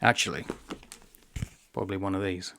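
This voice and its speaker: A middle-aged man talking about books in a thoughtful, unhurried way, pausing often as he muses aloud. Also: low-pitched, flat delivery, pushed and bright, slight background noise. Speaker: book vlogger. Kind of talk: reflective book vlog talk.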